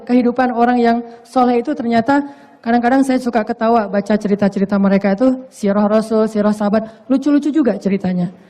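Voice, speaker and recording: A man's voice: very high voice, mellow. A man giving a casual, humorous sermon in a playful, slangy way. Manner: playful, slangy, acts out quoted voices. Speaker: preacher.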